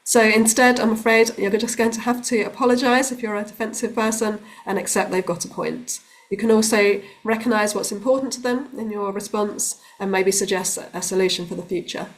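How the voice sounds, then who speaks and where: Woman relationship coach talking to camera, calm and explainy, mid pitch, some ums. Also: brisk, few pauses. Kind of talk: direct-to-camera advice talk.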